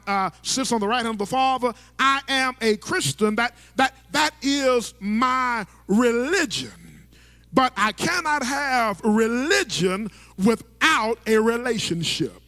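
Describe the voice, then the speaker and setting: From the stage of a reverberant church hall, a middle-aged male preacher gives a sermon into a handheld mic. His very high voice is bright and forceful, with a rhythmic, sing-song cadence and frequent stammering restarts.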